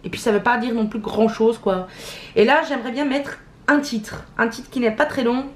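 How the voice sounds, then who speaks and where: Her partner holds the handheld camera mic as a young woman vlogs indoors at home. She talks casually to camera at normal speed in a fairly high voice, full of fillers and self-mocking laughter.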